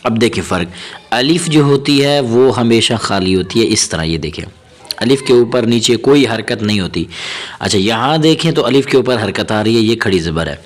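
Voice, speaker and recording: A patient male teacher with a voice of ordinary, mid pitch. He draws each syllable out slowly in a chanting way, then speeds through his explanations and keeps checking that the student follows. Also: lively intonation. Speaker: Quran reading teacher. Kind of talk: spelling-out recitation lesson.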